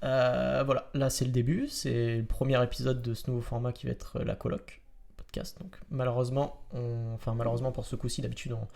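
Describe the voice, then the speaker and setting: Young host in his twenties with a Marseille accent, chatty and halting, plenty of fillers and restarts. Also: mid-range voice, flat delivery, creaky, a little mellow. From France. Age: 20s. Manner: halting, many fillers and restarts, laughs easily. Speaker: podcast host. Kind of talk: casual podcast chat. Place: room in Marseille.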